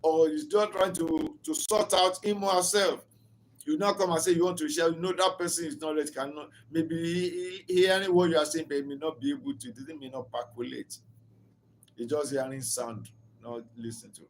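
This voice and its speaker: A man's voice: on the high side, steady tone, normal speed, slight background noise, low-quality recording. Earnest man giving relationship advice. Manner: earnest, instructive, repeats key phrases; rhetorical questions to the listener. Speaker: relationship speaker. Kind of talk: motivational talk.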